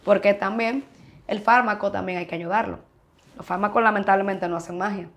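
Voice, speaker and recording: Frank woman specialist guest, emphatic, explains plainly, mid-pitched voice. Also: fairly even intonation, fairly quick. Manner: frank, emphatic, acts out patient dialogue. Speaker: urologist guest. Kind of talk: interview answers, explaining.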